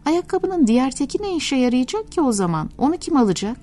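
A woman's voice: high-pitched, sing-song, quick pace, voice pushed up. A woman reading a shy, earnest little boy. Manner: soft, earnest, wondering. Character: young boy on crutches, shy and honest. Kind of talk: storybook reading.

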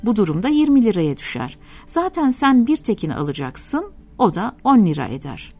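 A woman voicing a kind, generous male shoemaker in a storybook reading, gentle and playfully bargaining. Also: mid-range voice, sing-song, normal speed, breathy edge, faint music behind.

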